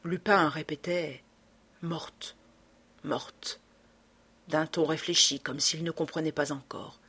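A woman narrating an audiobook with a dramatic, expressive reading. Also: deep voice, moderate pace, breathy edge.

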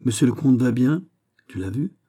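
A man's voice: medium pitch, lively intonation, warm tone, lightly acted. A man doing a distraught young nobleman. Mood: anxious. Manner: agitated, rapid questioning.

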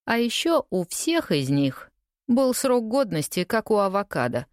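A woman's voice: mid-range voice, big pitch swings, measured pace, no echo, clean studio sound. A woman narrating a first-person audiobook in a wry, confiding storytelling way.

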